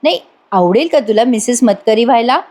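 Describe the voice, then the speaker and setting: Woman putting on an eager young suitor, fumbling, hesitant, high-pitched. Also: expressive, a little fast, darkish tone, natural voice. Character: eager young man proposing marriage.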